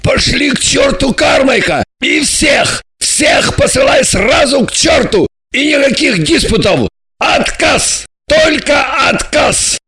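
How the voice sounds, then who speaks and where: A woman voicing a gruff, bossy captive man who shouts orders down a phone line. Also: lowish voice, moderate pace, dry recording, soft background music, heavily acted. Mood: barking. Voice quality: gravelly, shouting. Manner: barks orders, curses.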